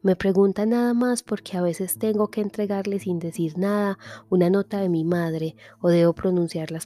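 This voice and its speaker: A woman giving a soft, measured literary reading that sometimes drops to a whisper. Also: fairly low pitch. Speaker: reader.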